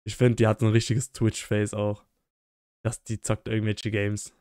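A man's voice: fairly low pitch, completely flat delivery, moderate pace, mellow, clean tone, dry recording, clean studio sound. A man in his thirties commenting casually on a video as a reaction host, slangy and offhand. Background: faint music from the watched show.

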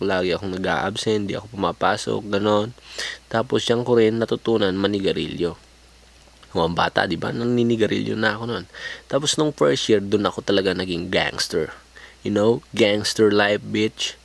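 A man's voice: on the low side, vocal fry. A young man from the Philippines telling his life story over drawings in a crude, joking way, swearing a lot and slipping into English slang. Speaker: vlogger.

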